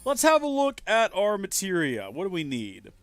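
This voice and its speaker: A man's voice: high-pitched, huge pitch swings, normal speed, no room sound. Chatty man streaming a game. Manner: chatty, jokey, thinking aloud. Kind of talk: casual gameplay commentary.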